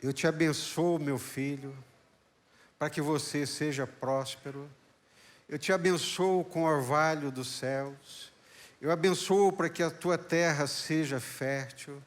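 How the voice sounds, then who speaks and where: Man doing an old dad, gentle but firm, slow and grave. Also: fairly high pitch, fairly even intonation, lightly acted. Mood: solemn. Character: old father, gentle and sorrowful.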